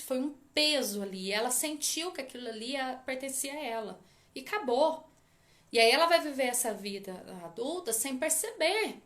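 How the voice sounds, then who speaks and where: High-voiced Brazilian woman lecturing. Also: a bit bright. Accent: Brazilian Portuguese. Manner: addresses listeners directly with frequent "tá?" tags. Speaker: family constellation therapist. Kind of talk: informal lecture to an audience.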